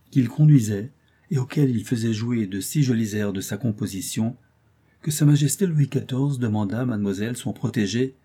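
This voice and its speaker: A man narrating a children's storybook in a measured way. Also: mid-range voice, dark tone, breathy edge. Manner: measured, addresses young readers. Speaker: audiobook reader.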